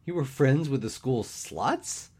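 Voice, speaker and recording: A man doing a loud, brash young guy. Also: lowish voice, very animated, moderate pace, voice pushed up. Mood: incredulous.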